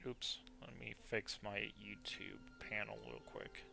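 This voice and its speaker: A man's voice: fairly low pitch, steady tone, unhurried, vocal fry. A man giving casual reaction commentary on a video game story as he streams.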